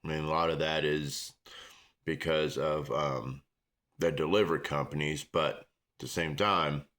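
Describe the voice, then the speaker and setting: Casual American male reviewer, low register, rambling small-town chat. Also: steady tone, measured pace, fairly bright tone. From small-town United States. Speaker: product reviewer.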